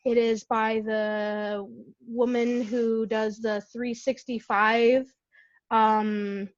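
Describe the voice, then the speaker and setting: A woman from California talking casually in an online Q&A, animated and quick to laugh while she tells stories. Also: a little high, dry recording, muffled recording. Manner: animated storytelling, laughs often. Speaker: guest speaker. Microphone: video call.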